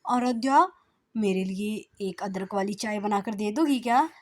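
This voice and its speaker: A woman's voice: mid-range voice, fairly even intonation, moderate pace, natural voice. A woman voicing an easygoing young husband asking his wife for tea and snacks.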